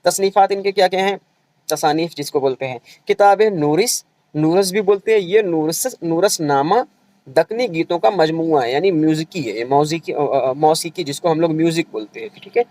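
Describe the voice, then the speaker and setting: A man teaching an online revision lecture for a language exam, explaining patiently and repeating each point, often pausing to check that the students are following. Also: on the high side, darkish tone, no echo, poor audio. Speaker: Urdu exam-prep teacher.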